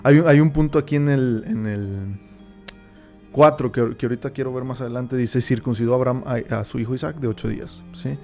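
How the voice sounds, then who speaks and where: A man's voice: medium pitch, fairly quick, a little mellow, soft background music. Man teaching a Bible study. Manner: reads verses aloud, then explains them, often checking in with the listener.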